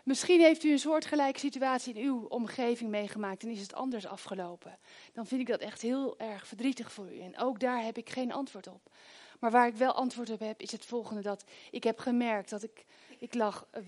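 A middle-aged woman preaching a sermon, telling stories with lively swings between hushed prayer and loud exclamations. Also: a little high.

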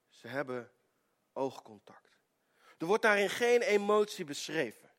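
A male preacher telling a story during a sermon in an earnest way, with stammering restarts, often dropping into a hushed tone. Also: high voice.

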